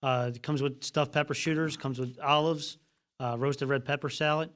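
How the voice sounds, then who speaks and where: A man appearing as a guest on a casual radio chat, relaxed and chuckling often. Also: mid-range voice, normal speed. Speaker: deli guest.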